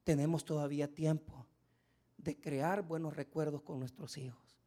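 A middle-aged man preaching a sermon as pastor, swinging from soft speech to loud shouts. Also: fairly high pitch, fairly even intonation, normal speed.

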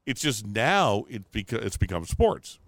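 A man's voice: on the low side, sing-song, a little slow, a bit bright, no room sound. A man co-hosting a casual talk podcast, speaking emphatically and swearing casually. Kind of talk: casual political and media chat.

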